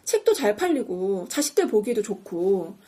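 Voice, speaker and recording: A woman voicing a frustrated young woman novelist who lectures her elders in a slow, firm, insistent way. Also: medium pitch, sing-song, dark tone, slightly rough.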